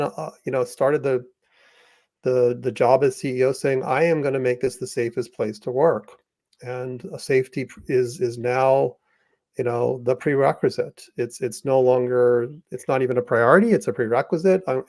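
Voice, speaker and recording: A man's voice: mid-range voice, darkish tone, no echo. Enthusiastic rambling male podcast host. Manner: enthusiastic, rambling, with frequent fillers and restarts. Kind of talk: conversational storytelling interview.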